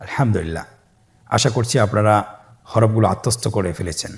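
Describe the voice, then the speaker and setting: A man teaching Quran reading letter by letter in a recorded lesson, calm and patient, stretching each letter sound and asking listeners to repeat after him. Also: fairly low pitch, a little fast, creaky. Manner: calm, patient, with frequent pious interjections.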